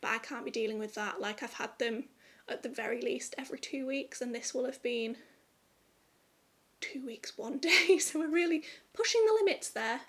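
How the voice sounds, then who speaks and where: A woman's voice: high-pitched, normal speed, fairly bright tone. A young woman vlogging to camera in a candid, rambling, chatty way. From United Kingdom. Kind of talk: casual chat to camera.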